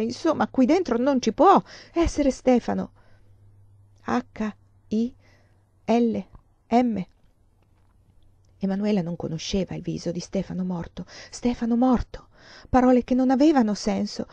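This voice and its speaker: Woman audiobook reader, expressive, mellow, dry close sound, dull lo-fi recording. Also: a little high, no echo. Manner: expressive, swelling with the drama. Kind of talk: reading a novel aloud.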